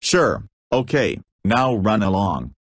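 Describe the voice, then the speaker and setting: A man's voice: on the low side, very animated, slow pace, no echo, clean studio sound, exaggerated voice. A synthetic male voice playing an exasperated cartoon father, formal and stilted in delivery. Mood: reassuring. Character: exasperated cartoon father, stern but reassuring. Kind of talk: animated cartoon dialogue.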